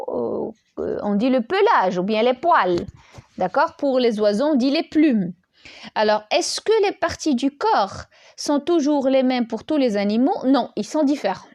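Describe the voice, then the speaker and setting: A woman's voice: fairly high pitch, a little mellow, dry recording, clean studio sound. A woman teaching an online lesson, hesitant, repeating words and checking in with the class often.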